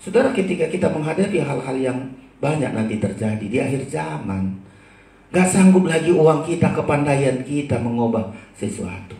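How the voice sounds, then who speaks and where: A man preaching a sermon as pastor, swinging between loud and quiet lines and often calling out to his congregation. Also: medium pitch, animated, moderate pace, creaky, distant mic. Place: church hall. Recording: echoey church recorded from afar.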